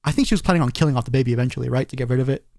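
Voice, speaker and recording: A man co-hosting a casual podcast, talking in a rambling, animated way and laughing often. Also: medium pitch, rapid-fire, gravelly, no room sound, studio quality. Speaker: podcast co-host.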